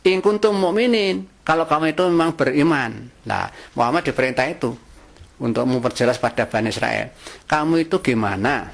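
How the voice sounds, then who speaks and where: A man teaching a Quran lesson, reciting Arabic verses and explaining them in lively everyday speech with rhetorical questions. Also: mid-range voice, brisk, creaky.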